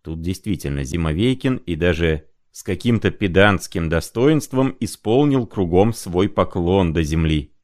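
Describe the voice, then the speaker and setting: A man reads a classic story aloud in a deep, low voice. His delivery is slow and measured, steady audiobook narration.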